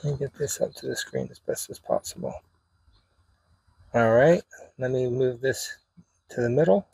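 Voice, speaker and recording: With huge pitch swings around a medium, mellow voice, this man demonstrates something hands-on for his hobbyist video at a moderate pace, using folksy, informal wording. The audio is dry and poor, with clear background noise and ambient sound.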